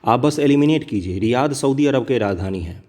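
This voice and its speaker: A man talks through an exam paper with his students in an earnest, direct way. His voice is mellow and warm, at a middling pitch. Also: animated, brisk. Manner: earnest, direct, addresses viewers as brothers. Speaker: exam coaching teacher. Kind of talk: casual exam paper discussion.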